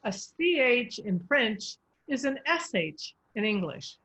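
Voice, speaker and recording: A woman voice coach who patiently explains pronunciation and spells out letters slowly. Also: on the high side, sing-song, fairly bright tone, rough recording.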